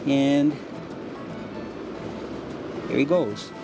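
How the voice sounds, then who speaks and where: A man's voice: medium pitch, extremely slow, music in the background. A middle-aged man hosting a fishing show outdoors by a mountain river, explaining each catch with enthusiasm. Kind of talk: on-location fishing narration.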